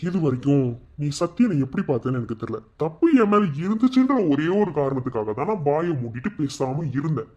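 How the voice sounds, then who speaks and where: A man's voice: fairly high pitch, very animated, fairly quick, highs cut off. A man doing a vengeful, taunting father. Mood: furious. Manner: taunting, shouting, sneering. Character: vengeful furious father, grown man, bitter. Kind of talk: fan cartoon voice acting.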